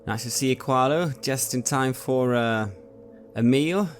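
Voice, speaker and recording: A man's voice: medium pitch, unhurried, a little hiss or hum. A man playing his character in a tabletop game, earnest and hesitant with many fillers. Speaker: player. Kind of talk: in-character tabletop role-play. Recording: faint music behind.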